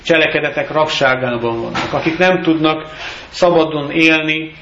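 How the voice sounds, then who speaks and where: A male pastor giving a solemn, measured baptism sermon with scripture readings in a church. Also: a little high, fairly even intonation, echoey room, muffled recording, noisy background.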